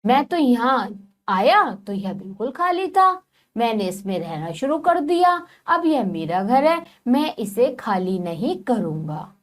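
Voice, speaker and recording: A woman's voice: a little high, sing-song, a little slow. A woman voicing a stubborn male rabbit who defiantly refuses to leave a nest, read out as a storybook lesson.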